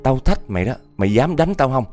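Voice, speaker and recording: A man's voice: medium pitch, very animated, a little fast, a little mellow, faint music behind, voice pushed up, close to an everyday voice. A man voicing a mocking male drunkard ghost who possesses a man, speaking with a taunting, defiant swagger.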